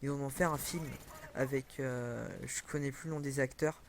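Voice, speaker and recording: A man's voice: medium pitch, steady tone, moderate pace, a crowd in the background. A young man commenting casually on a video game over a headset, rambling with many fillers and self-corrections. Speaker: gaming commentator.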